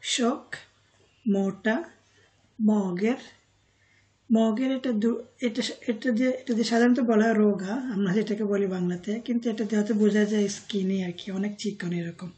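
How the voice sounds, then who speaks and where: A woman teaching a vocabulary lesson, saying each word slowly and then its meaning, with fillers and self-corrections now and then. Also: medium pitch, warm tone. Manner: pauses with fillers and corrects herself. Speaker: language teacher.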